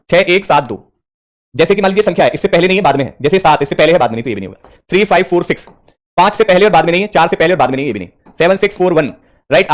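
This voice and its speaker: A man teaching reasoning for bank exams in a live online class, speaking mixed with English terms and talking straight to his students. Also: high voice.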